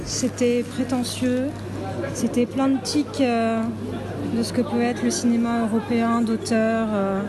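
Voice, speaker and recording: Wry woman critic, fairly high voice. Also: flat delivery, measured pace. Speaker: podcast panelist and film critic. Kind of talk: casual film critique. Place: waiting in a cinema queue. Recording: busy crowd and traffic behind.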